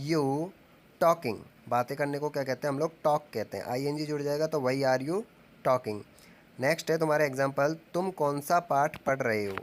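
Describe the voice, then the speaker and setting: Man slowly teaching English grammar. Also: a little high. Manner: slow, drawn-out dictation of example sentences; asks the class questions and answers them himself. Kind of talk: classroom-style grammar lesson.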